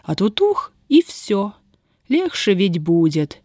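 Женщина читает реплики сердитой, резкой на язык молодой крестьянки, ругающейся простонародной речью. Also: female voice, mid-range voice, very animated, slow pace, a little mellow, no room sound, studio quality. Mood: grim. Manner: gruff, scolding, folk speech. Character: grim, sharp-tongued young peasant woman, bound.

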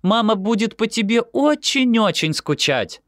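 A man doing a high coaxing young mother. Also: sing-song, a little slow, fairly bright tone, no room sound, clean studio sound, heavily acted. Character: cheerful pushy young mother. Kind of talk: audiobook character voice.

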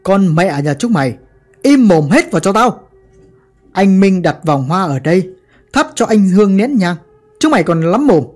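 A woman voicing a treacherous male gang boss who wails and pleads in a shrill voice. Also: normal speed, pauses often, dark tone, faint music behind, natural voice. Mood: furious.

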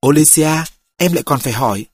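A reader voicing an earnest, anxious young man who reassures his beloved, in a husky voice. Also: medium pitch, fast, no room sound, close to an everyday voice.

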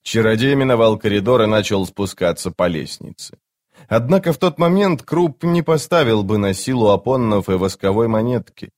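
A man with a fairly low voice narrates a fantasy audiobook. His delivery is measured and steady, suited to long-form storytelling.

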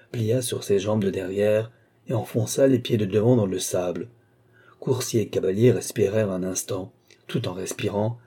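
A man reads a classic novel aloud, measured and dramatic. His voice is low and mellow, with a husky edge. It is steady scripted audiobook narration. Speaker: audiobook reader.

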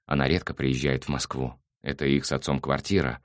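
A man voicing a calm, wry young man in an audiobook, teasing in a low tone. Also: a little fast, no echo, clean studio sound.

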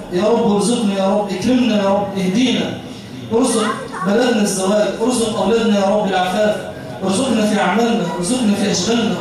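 A man with an Egyptian accent leading a congregation in fervent supplication, repeating pleading phrases in a steady rhythm. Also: sits high. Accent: Egyptian Arabic. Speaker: imam leading prayer. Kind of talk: fervent supplication during night prayers. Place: large mosque prayer hall. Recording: echoey hall from far off, crowd behind.

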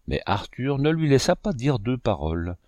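Male audiobook narrator, measured and expressive, animated pitch, very dry close sound. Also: no echo. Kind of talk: scripted narration.

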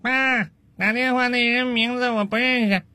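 Man doing a slow, naive little boy. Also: very high voice, steady tone, pitched above the performer's own voice. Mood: innocent. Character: naive four-year-old boy.

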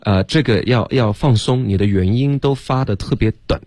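A man teaching English pronunciation, correcting students and slowly modeling the sounds. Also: medium pitch, a little mellow, dry recording. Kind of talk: pronunciation feedback on a radio lesson.

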